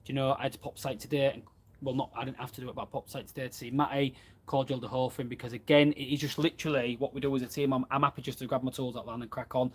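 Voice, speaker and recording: A man with a mid-range, breathy-edged voice talks in rapid-fire bursts at a level tone. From inside his van, he hosts a live Q&A about running his plumbing business, chatting casually and plainly while reading out viewer comments.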